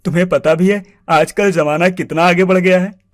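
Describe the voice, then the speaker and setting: A performer voicing a calm older father-in-law in a cartoon, speaking matter-of-factly. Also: mid-range voice, moderate pace, no echo, clean studio sound, lightly acted.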